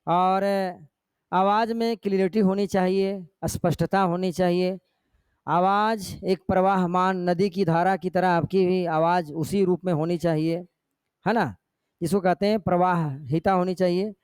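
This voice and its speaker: A man's voice: high-pitched, steady tone, unhurried, darkish tone, clean tone, dry recording, studio quality. A male teacher giving a classroom lecture, explaining step by step and often checking in with his students. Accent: Jharkhand Hindi.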